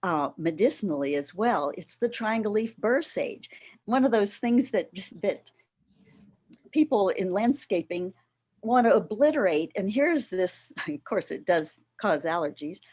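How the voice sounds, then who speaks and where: A middle-aged woman giving an explanatory workshop talk on a video call, unhurried and warm with occasional soft laughs. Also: medium pitch, lively intonation. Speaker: workshop presenter. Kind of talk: educational talk on plant foods.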